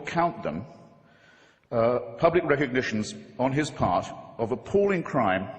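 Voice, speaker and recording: A man giving a formal debate speech to a live audience, wry and ironic, with measured oratory and pointed asides. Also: mid-range voice, long reverb tail. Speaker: debate speaker.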